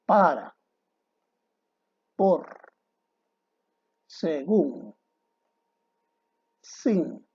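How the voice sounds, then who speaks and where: A man teaching a grammar lesson to students, deliberate and didactic, posing rhetorical questions and then answering them. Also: sits high, darkish tone, husky, dull audio.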